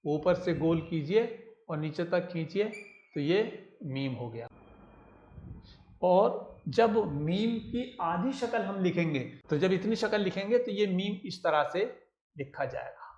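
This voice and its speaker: A man's voice: high voice, lively intonation, slow, darkish tone, dull audio. A man teaching a children's writing lesson, patiently spelling out letters one by one and repeating each step. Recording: roomy echo.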